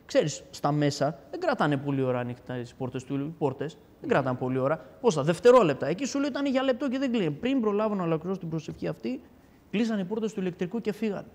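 A man with a fairly high voice tells a personal testimony in a casual, animated way. He acts out the back-and-forth of his story. His voice rings out with a long hall reverb. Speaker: guest giving a testimony.

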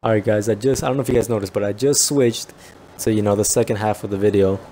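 A young man giving casual, rambling commentary over a video game, chatting to viewers and breaking into excited yelps and laughs. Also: lowish voice, quick pace, slight background noise. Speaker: gaming YouTuber.

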